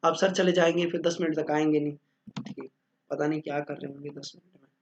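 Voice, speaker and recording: A man's voice: a little high, fairly even intonation, fast, gravelly. A man teaching accounting in a joking, bantering lecture, answering his own questions.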